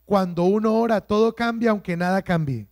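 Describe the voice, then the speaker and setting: Priest, high voice, dry recording, emphatic sermon full of questions to the flock. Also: male voice, darkish tone, no room sound. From Colombia. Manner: emphatic preaching with rhetorical questions and slow drawn-out stresses. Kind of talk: sermon at a prayer workshop.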